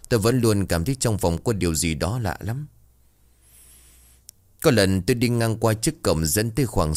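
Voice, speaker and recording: A man doing an old servant in an audio story, humble and cautious with his mistress. His low voice rises and falls as he chooses careful words. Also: close to an everyday voice. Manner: deferential, hesitant.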